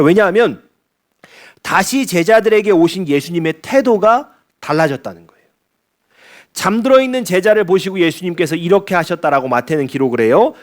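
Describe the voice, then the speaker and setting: A male pastor preaching a sermon at a church service, speaking conversationally and asking his listeners frequent rhetorical questions. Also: on the high side.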